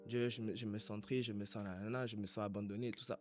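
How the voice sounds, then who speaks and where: A man from Congo in a casual faith conversation, speaking in a reflective, halting way as he searches for his words. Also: fairly low pitch, level tone, faint music behind.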